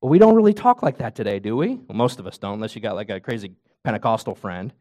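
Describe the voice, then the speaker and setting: A man's voice: on the low side, big pitch swings, fast talker, warm tone. A man preaching a sermon, emphatic, asking his listeners questions and joking lightly. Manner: emphatic, asks the audience questions, jokes lightly. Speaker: pastor.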